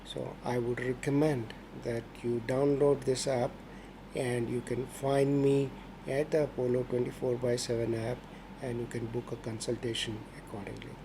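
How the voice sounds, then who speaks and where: A middle-aged man with an Indian accent, a senior doctor introducing himself in a formal, measured way. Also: medium pitch, little pitch movement, background noise. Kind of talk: promotional self-introduction to camera.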